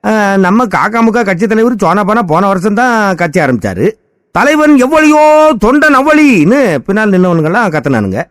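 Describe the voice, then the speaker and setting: A man's voice: sits high, animated, fast, fairly bright tone. A man with a Tirunelveli Tamil accent, chatting in a folksy, storytelling way in a scripted radio ad. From Tirunelveli, Tamil Nadu. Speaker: radio ad character, Mobile Vaayan.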